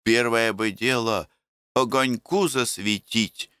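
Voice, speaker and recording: A male reader voicing a kindly village woman who gently coaxes, in a folksy way. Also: mid-range voice, fairly even intonation, slow, clear, resonant tone, no echo, clean studio sound. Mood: worried, practical. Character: kindly elderly village woman, coaxing, caring.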